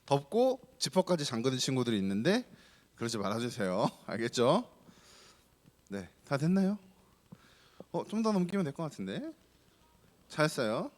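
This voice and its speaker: Lively male pastor quizzing children. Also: medium pitch, normal speed, pauses often. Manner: asks children many questions, playful and teasing. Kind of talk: children's sermon.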